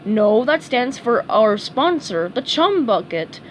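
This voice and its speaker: A woman voicing a gruff male hockey coach in a storybook reading. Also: fairly high pitch, big pitch swings, slow pace, slight background noise. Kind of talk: storybook read-aloud.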